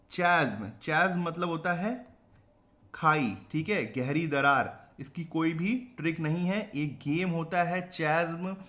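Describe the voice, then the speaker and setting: A young man teaching an exam-prep vocabulary lesson, explaining memory tricks, asking rhetorical questions and reading example sentences slowly. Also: on the high side, pushed and bright.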